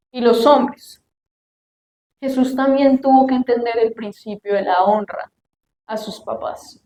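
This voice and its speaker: High-voiced young woman preaching animatedly. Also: a little hiss or hum. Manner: lively storytelling, acting out quoted family voices. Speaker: youth preacher. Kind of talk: sermon. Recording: echoey room, faint background ambience.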